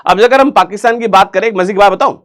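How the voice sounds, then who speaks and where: A young man with a fairly high voice teaches vocabulary online, quizzing his listeners and answering himself. He jokes as he goes, and his English words carry an Indian accent. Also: fast talker. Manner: chatty, jokey, asks and answers his own questions. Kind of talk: online exam-prep vocabulary lesson.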